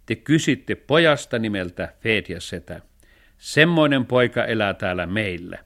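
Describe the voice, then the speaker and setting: A man's voice: fairly low pitch, expressive, fairly bright tone. A man voicing a nosy, fussy village postman in a radio storybook reading, pedantic and officious. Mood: chatty.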